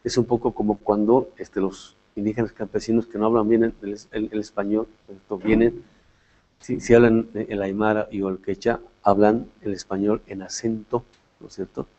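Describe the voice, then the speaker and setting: In a muffled recording, a Latin American man with a fairly low, mellow voice gives a philosophy lecture at normal speed with a flat delivery. He reflects as he goes, frequently restarting phrases and ending points with questions.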